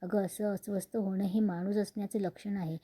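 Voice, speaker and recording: A woman voicing a calm, wise elderly grandmother who speaks soothingly. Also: mid-range voice, brisk, husky, natural voice. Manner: soothing, advising.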